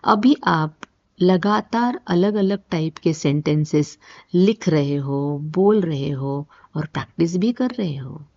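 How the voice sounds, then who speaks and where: Woman English teacher, slow patient drills, gravelly dark voice. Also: low-pitched. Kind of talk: spoken English lesson with drills. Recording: dull lo-fi audio.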